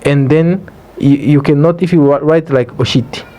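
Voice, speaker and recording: A man's voice: a little high, moderate pace, warm tone. A man with a Namibian accent speaking as a podcast guest, explaining things earnestly in casual interview talk.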